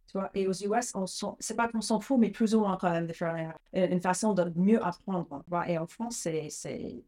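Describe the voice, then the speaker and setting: A brand founder in her forties, an American woman from the United States, chats through a casual interview with lots of restarts. Her voice sits lowish and carries a warm tone.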